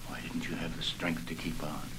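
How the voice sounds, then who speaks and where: A gruff old father with a very deep, low voice, blustering and scolding his grown sons. He barks short lines in the measured manner of a 1960s film drama, under a faint noise. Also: level tone. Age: older. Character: gruff, stingy old Irish-American father.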